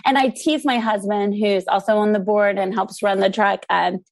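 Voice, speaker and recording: An American woman who grew up in the country and runs a food truck chats casually as an interview guest, enthusiastic and quick to laugh. Her mid-range voice is gravelly with fairly even intonation, and the recording is dry.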